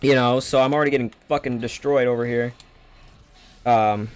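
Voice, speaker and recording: A man's voice: medium pitch, fairly even intonation, normal speed, smooth. A man streaming games while telling a long, profane story in a sarcastic, rambling way. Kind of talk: casual rant over gameplay.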